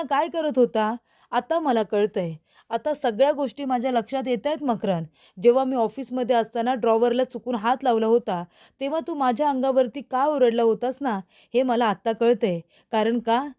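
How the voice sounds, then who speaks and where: An angry young woman demanding answers from a man, as a woman narrator reads her part. The pitch sits a little high and the questions press hard. It is a spoken recap of a TV serial. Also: moderate pace, dark tone, lightly acted. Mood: confronting.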